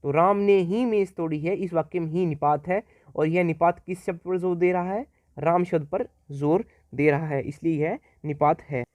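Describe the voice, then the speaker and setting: A man's voice: fairly high pitch, a little mellow, dry recording. A man teaching a recorded grammar lesson, explaining step by step, repeating key words and answering his own questions.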